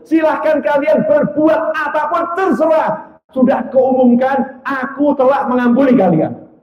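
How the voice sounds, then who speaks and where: A man preaching a sermon to a congregation, animated, swinging between loud exclamations and soft low asides and acting out the voices of people in his stories. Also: measured pace. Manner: acts out quoted voices in dialogue. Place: mosque or hall before a congregation. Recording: echoey room, dull lo-fi sound.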